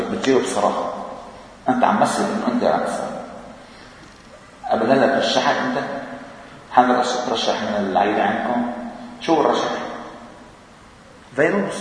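A man with a Levantine Arabic accent preaches in a casual, conversational way, often chuckling and tossing out questions to his listeners. His voice booms around a large, echoing hall with a long reverb tail. He sounds set back from the microphone. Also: a little hiss or hum. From Lebanon. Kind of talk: informal mosque talk. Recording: echoey hall, mic far off.

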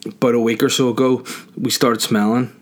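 A man's voice: medium pitch, level tone, fairly quick. A man hosting a casual comic solo podcast in a rambling, sweary, mock-indignant manner, recorded in a small room. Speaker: podcast host. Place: small box room in a house.

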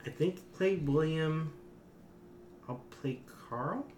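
A man's voice: fairly high pitch, slow, darkish tone, slight background noise. Man co-hosting a podcast, echoey room. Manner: laughs often, hesitant with fillers. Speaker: podcast co-host. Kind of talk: casual chat.

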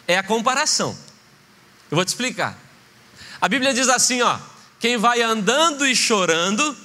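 A man's voice: extremely high pitch, sharp tone. A man pastor preaching a sermon with passion, acting out short voices in his stories. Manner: impassioned preaching, acts out voices in anecdotes. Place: church. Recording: reverberant church hall.

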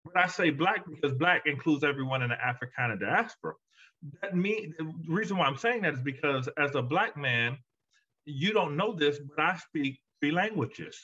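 A guest author and education consultant answers interview questions emphatically over call audio, his fairly high voice rising whenever he stresses a point. His delivery is bright, forceful and lively at normal speed, with a breathy edge, though the audio sounds dull.

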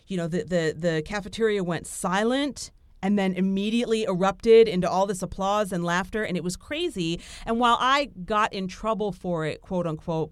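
Chatty woman with a smooth voice. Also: mid-range voice, dry recording. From Italian heritage. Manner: animated, storytelling with frequent fillers. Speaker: podcast host. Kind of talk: casual conversation.

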